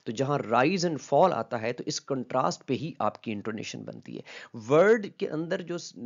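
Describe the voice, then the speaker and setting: A man's voice: on the high side, creaky. Patient man lecturing on linguistics. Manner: patient, repeats key terms, checks in with "ठीक है?"; mixes English terms into Hindi-Urdu speech. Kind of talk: explanatory lecture. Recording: slightly dull lo-fi audio.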